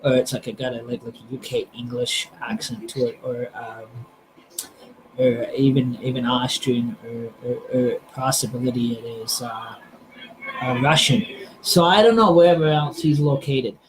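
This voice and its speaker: A man's voice: medium pitch, fairly even intonation, moderate pace, background noise. A man hosting a live stream, chatting casually and hesitantly, with many fillers and restarts. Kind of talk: casual rambling chat.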